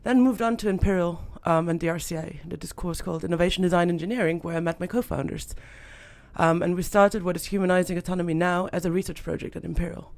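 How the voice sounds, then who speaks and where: A woman's voice: lowish voice, fairly even intonation, fast talker, darkish tone. A young woman from Austria, a startup founder talking as a podcast guest, thoughtful with many fillers and restarts. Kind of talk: podcast interview. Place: podcast studio.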